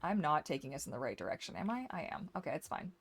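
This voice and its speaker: A woman's voice: low-pitched, big pitch swings, fast talker, breathy edge. A woman chatting casually as she plays a game for viewers, a welcoming and playful host who talks straight to her audience. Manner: playful, teasing. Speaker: host of a live game stream and community server. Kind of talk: casual chat while playing a game.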